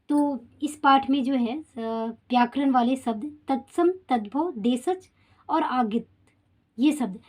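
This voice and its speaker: Woman teacher, lesson to schoolchildren; high, soft-toned voice, checks in with the class as she explains. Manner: addresses children directly, checks in with tag questions. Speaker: Hindi teacher.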